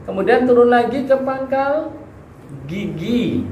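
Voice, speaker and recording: A man with a very high, lively voice teaches Quran recitation slowly and patiently, covering letter articulation in a tahsin lesson. He asks students questions and models sounds; the echoey room has background noise, and the recording's highs are cut off.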